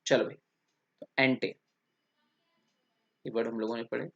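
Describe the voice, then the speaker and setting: A man's voice: medium pitch, little pitch movement, a little slow, gravelly, a bit bright. A man with an Indian accent giving an English vocabulary lecture, explaining step by step and checking in with his students. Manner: explains step by step, asks "theek?" often. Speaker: English teacher. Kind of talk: classroom lecture. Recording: dull lo-fi recording.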